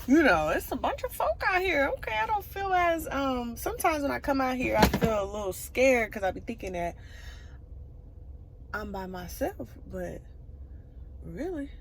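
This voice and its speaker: A woman's voice: high-pitched, a little hiss or hum. A woman in her twenties chatting casually to the camera on a phone while walking a wooded trail, laughing often. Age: 20s. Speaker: vlogger. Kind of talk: casual vlog chat.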